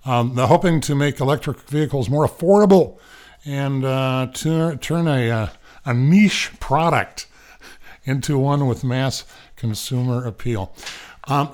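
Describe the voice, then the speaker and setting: A man's voice: mid-range voice, expressive, moderate pace, darkish tone. A man hosting a radio show, reading the news casually and breaking off into rambling, joking asides. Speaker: radio host. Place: radio studio.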